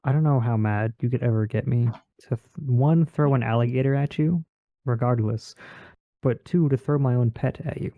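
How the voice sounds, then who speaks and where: A man's voice: medium pitch, moderate pace, dry recording. Man with a dry, dull-sounding mic. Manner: dry jokes, reads articles in a mock news voice. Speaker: podcast co-host. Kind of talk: casual podcast chat.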